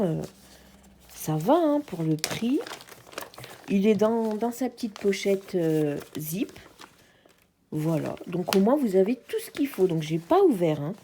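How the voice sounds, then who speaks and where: A woman's voice: mid-range voice, dark tone, a little hiss or hum. A woman with a French accent chatting casually to her viewers as she unboxes a craft kit, hesitant and friendly, often speaking to them directly. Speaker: craft vlogger.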